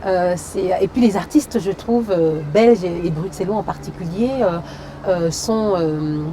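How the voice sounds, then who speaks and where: A woman from Cameroon, an actress and singer, chatting as an interview guest in a lively way, full of fillers and "you see". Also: on the low side, a little slow, noisy background. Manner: lively, frequent fillers and "tu vois". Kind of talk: casual interview chat.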